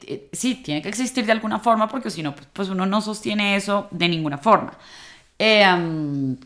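A woman's voice: mid-range voice, fairly bright tone. Reflective woman in her late twenties. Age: late 20s. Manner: reflective, conversational, frequent fillers and restarts. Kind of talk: personal vlog monologue.

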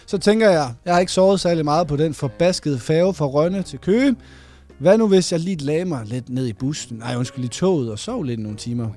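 Guy cohost telling a crazy train story, animated, bit high voice. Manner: storytelling, animated, laughs often. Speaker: podcast co-host. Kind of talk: casual chat.

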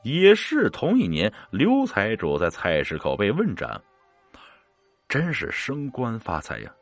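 Male storyteller, low voice, expressive dramatic narration, dry close sound. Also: unhurried, no echo, soft background music. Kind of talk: scripted ghost story narration.

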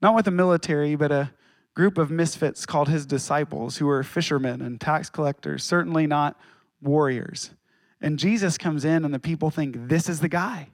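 A man preaching a sermon as pastor, with dramatic pauses and acted quotes. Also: fairly high pitch, no echo, studio quality.

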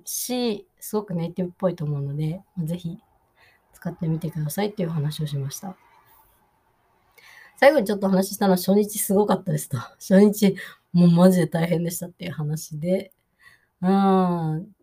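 Woman host, husky tone, easygoing solo podcast chat, filler-heavy, walks through phrases. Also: lowish voice, warm tone. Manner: chatty, many fillers, explanatory; quotes English phrases slowly. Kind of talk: casual solo podcast recap.

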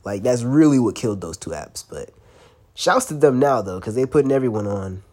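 This young man has a cold and it shows: he sounds stuffy while hosting his casual solo podcast, talking slangily, cursing often, and laughing here and there. His medium-pitched voice is animated, fairly quick, and a little mellow.

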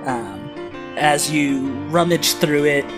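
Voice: medium pitch, slow pace. Casual game master narrating over music. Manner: casual, filler-heavy narration with frequent "like". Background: background music.

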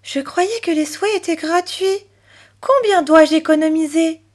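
A woman doing an excitable little girl. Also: very slow. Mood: excited. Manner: high, exclaiming and excitable. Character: little girl, eager and easily surprised. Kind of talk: children's storybook reading.

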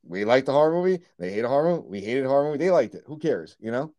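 A man co-hosting a horror podcast in loose, joking chat. His voice sits at an everyday middle pitch, and he teases his co-host and laughs a lot. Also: animated, rapid-fire, dark tone, highs cut off. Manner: joking, teasing, laughs often.

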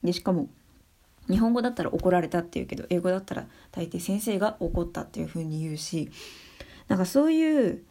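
A young adult woman giving her views in a casual spoken monologue, soft and thinking aloud with many fillers. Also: fairly low pitch, animated, brisk. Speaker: speaker sharing views on education.

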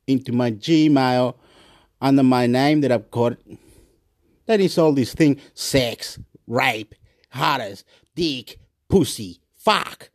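A man's voice: medium pitch, a little mellow. A man from Chile, vlogging in a rambling, repetitive rant full of swearing. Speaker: YouTube vlogger.

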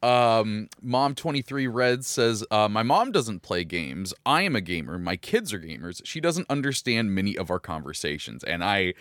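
A man's voice: fairly low pitch, big pitch swings, normal speed, few pauses, a bit bright, no echo. Guy hosting a chill podcast, lots of ums and laughs, dry close sound. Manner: laughs often, hesitant fillers. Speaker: host. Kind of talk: casual podcast chat.

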